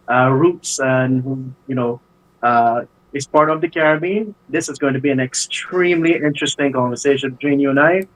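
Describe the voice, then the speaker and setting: A man's voice: medium pitch, a bit bright, poor audio. A man, a guest telling his life story in a casual interview over a video call, with many hesitations and fillers. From Barbados. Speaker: guest, business owner.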